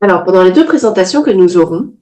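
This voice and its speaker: Interpreting a sermon consecutively into French, a woman with an expressive, slightly mellow medium-pitched voice repeats each phrase promptly. Now and then she stops mid-sentence to correct herself.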